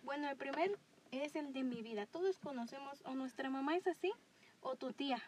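Lively high-voiced woman. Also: a little fast, a little hiss or hum. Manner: animated, acts out quotes. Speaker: co-host. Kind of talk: casual chat.

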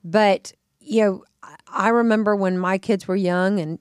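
A woman's voice: medium pitch, steady tone, clear, resonant tone, no room sound, clean studio sound. Earnest middle-aged woman co-hosting a podcast. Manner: earnest, reflective, with drawn-out phrasing. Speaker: podcast co-host. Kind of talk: casual chat. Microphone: studio microphone.

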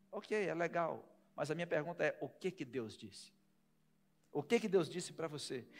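Brazilian preacher guy, kinda high voice, goes loud then drops to a hush, keeps asking the crowd questions. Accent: Brazilian Portuguese. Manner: swings between loud emphasis and hushed asides, many rhetorical questions. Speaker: pastor. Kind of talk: sermon.

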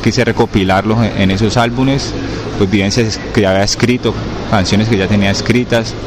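A young man from Cali, Colombia, with a Cali accent, answering interview questions in a halting way, often checking that he is understood. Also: on the low side, fairly even intonation. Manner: halting, many fillers and restarts, keeps asking "me entendés?". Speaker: rapper being interviewed. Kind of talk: casual interview talk. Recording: street noise with passing vehicles.

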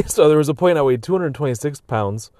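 A man's voice: fairly high pitch, lively intonation, a little fast, dark tone, no room sound, studio quality. A man talking casually to his viewers in a rambling, reflective way, tired and hiccuping, with many fillers and restarts. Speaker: vlogger. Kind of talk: casual personal monologue.

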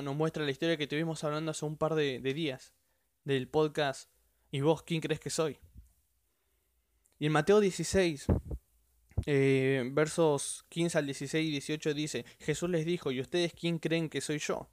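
A man's voice: on the high side, fairly even intonation, moderate pace, a little hiss or hum. A man with a Rioplatense Spanish accent giving an earnest, emphatic devotional podcast teaching, repeating his key phrases. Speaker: podcast preacher.

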